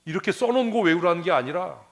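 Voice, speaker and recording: A man's voice: high-pitched, animated, quick pace. A male pastor preaching a sermon in a church, asking the congregation questions and answering them himself, repeating phrases for emphasis.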